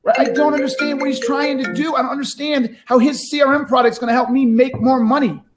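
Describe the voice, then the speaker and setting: Blunt, very high-pitched male sales coach. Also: steady tone, a little fast, over music. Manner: blunt, emphatic, swearing freely; lecturing, peppered with rhetorical questions. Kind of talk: live unscripted sales coaching critique.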